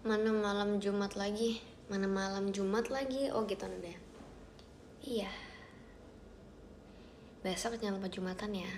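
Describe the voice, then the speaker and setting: A young woman hosting a casual livestream from home, chatting with viewers, thanking them and often dropping into soft whispers. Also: medium pitch, fairly even intonation, unhurried, pauses often, slight background noise. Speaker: idol livestream host. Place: at home, outside her bedroom.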